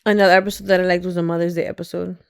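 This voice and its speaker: A woman's voice: lowish voice, level tone, rapid-fire, vocal fry, smooth, no room sound, studio quality. A woman in her thirties co-hosting a podcast, talking in a playful, teasing way. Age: 30s. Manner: playful, teasing, laughs often. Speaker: podcast co-host. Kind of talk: casual chat.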